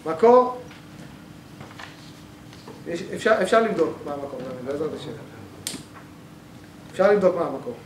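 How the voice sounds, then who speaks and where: A man's voice: a little high, animated, pauses often. A male teacher giving a grammar class in a synagogue hall, explaining step by step and often checking that the class follows. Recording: echoey room, faint background noise.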